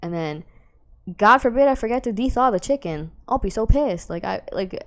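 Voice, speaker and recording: A woman's voice: a little high, expressive, normal speed. A young woman co-hosting a podcast, chatting casually and laughing often as she tells an emotional story. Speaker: podcast co-host. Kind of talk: casual chat.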